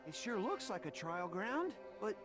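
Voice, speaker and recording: A woman's voice: mid-range voice, very animated, unhurried, music in the background. A woman voicing a puzzled young male student from a video game, reading his lines aloud while playing.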